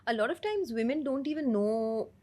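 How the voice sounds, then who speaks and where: A woman's voice: fairly high pitch, lively intonation, normal speed, mellow. A woman, talking conversationally as an interview host.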